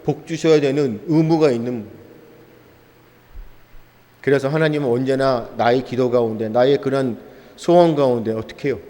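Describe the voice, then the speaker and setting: A male pastor preaching a sermon, firing off rhetorical questions and answering them himself, swinging between loud emphatic lines and quiet low ones. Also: normal speed, pauses often. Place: church sanctuary. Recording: church hall reverb.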